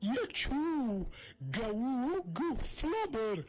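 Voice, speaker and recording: A voice on a stream alert that sneezes loudly and drags out its words. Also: sits high, big pitch swings, soft background music. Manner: exaggerated sneezes, very slow drawn-out words.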